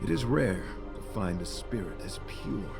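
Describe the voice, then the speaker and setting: An actor delivers video game lines as a chivalrous young knight who is devoted to beauty, speaking in a solemn, formal, flowery way. His voice sits lowish, animated yet unhurried, with vocal fry, and loud music plays behind him.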